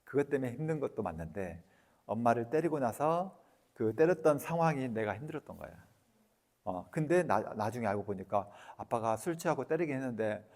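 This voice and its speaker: Man, clinic director giving a lecture, blunt colloquial delivery, quizzes the audience, mid pitch, long hall reverb. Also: animated, a little fast, a little mellow. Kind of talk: casual spoken lecture.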